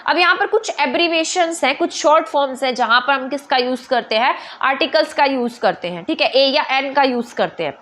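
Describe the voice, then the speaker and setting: A woman teacher with a Hindi accent explaining grammar step by step, asking and answering her own questions and spelling letters out slowly. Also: high-pitched, lively intonation, a bit bright. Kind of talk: online grammar lesson.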